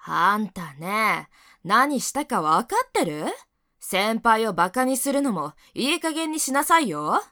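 A bossy but doting older coworker, played by a woman, who scolds her junior and then turns soft and teasing. Her voice sits somewhat high and swings widely in pitch. She speaks slowly into a dry, close mic in a second-person audio role-play. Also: big pitch swings, dry recording, full character voice. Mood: scolding. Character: bossy yet doting older female coworker, young adult. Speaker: senior colleague.

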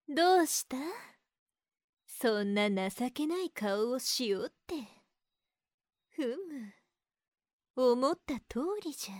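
A woman voicing a teasing, dominant woman with old-fashioned archaic speech, whispering slowly and playfully close to the mic in an ASMR roleplay. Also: high voice, very animated, no room sound, full character voice. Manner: mocking, slow, playful.

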